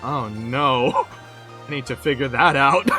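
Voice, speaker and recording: A man's voice: mid-range voice, slow, bright, forceful tone, faint music behind. A man streaming a game, dropping casual muttered asides between voicing characters. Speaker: streamer and fan voice actor. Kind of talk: casual gameplay commentary.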